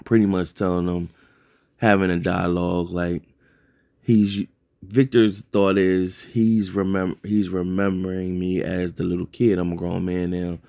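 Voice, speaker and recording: A man with a deep, low-pitched voice talks through a TV episode recap in a relaxed, unscripted way. He rambles and corrects himself, leaning on fillers and "like". The sound is dry and close, with no room around it. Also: a little slow, vocal fry, dry recording. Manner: loose and rambling, heavy on fillers and self-corrections. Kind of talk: casual spoken recap.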